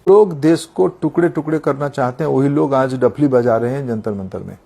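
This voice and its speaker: A man's voice: mid-range voice, brisk, gravelly, warm tone. A man speaking in a political speech clip, scornful and accusing.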